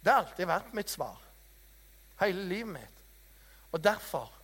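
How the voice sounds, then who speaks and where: A man preaching a sermon in a church hall, telling stories in a lively, self-mocking way. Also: high voice, husky. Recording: reverberant hall.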